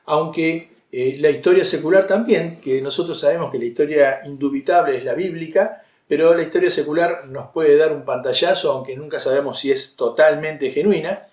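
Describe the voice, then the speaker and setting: High-voiced Argentine preacher, echoey room. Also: male voice, normal speed, darkish tone. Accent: Argentine Spanish. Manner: conversational, with frequent fillers and restarts. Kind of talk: sermon.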